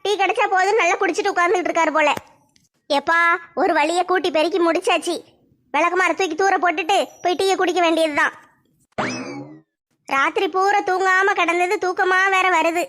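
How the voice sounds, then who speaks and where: Very high, bright-voiced woman in a comedy skit. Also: brisk, long pauses. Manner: complaining, animated chatter. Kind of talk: comic home skit acting.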